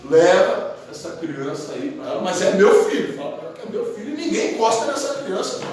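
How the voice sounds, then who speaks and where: A man's voice: sits high, very animated, a little fast, darkish tone. A man voicing a strong-willed royal young woman. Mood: commanding. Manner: firm, decisive. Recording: very echoey hall, from far off.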